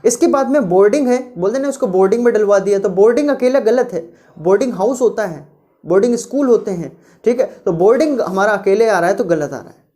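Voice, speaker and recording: A woman teaching English grammar, explaining rules patiently and reading example sentences slowly and clearly. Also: mid-range voice, animated, dark tone. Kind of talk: classroom grammar lecture.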